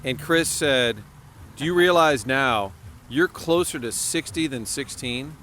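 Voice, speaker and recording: A man's voice: mid-range voice, unhurried, pushed and bright, slight background noise. A man in his forties hosting a casual chat podcast, hyper and joking. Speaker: podcast host.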